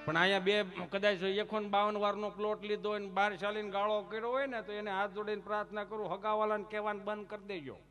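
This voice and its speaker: A man tells comic folk stories live on stage, his voice sitting high. He is animated and teasing, close to a handheld microphone. Faint music plays behind him. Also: fast talker, few pauses. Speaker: folk storyteller. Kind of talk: live comic dayro storytelling.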